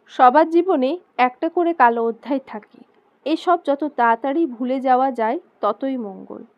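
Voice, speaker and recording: A woman voicing a caring young man who speaks soothingly and asks gently insistent questions, in a storybook reading. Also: high-pitched, moderate pace. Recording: slightly dull lo-fi recording.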